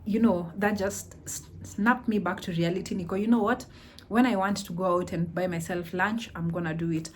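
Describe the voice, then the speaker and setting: A young Kenyan woman vlogging about running a business, telling stories in a lively way and mixing in Swahili phrases. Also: medium pitch, normal speed, slight background noise. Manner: animated, mixes Swahili into English, laughs often. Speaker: vlogger, entrepreneur. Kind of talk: casual storytelling vlog.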